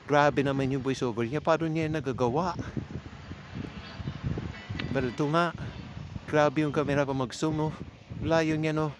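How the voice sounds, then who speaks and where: Narrating his vlog with a Filipino accent, a man addresses viewers informally and chattily, pausing often. His fairly high voice holds a fairly even intonation at normal speed, in a clearly noisy amateur recording.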